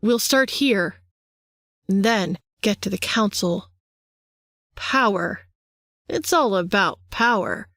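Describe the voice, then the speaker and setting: A woman's voice: mid-range voice, slow, long pauses, fairly bright tone, no room sound, clean studio sound. A woman voicing a power-hungry vampire man who taunts his younger brother in a sing-song way. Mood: menacing.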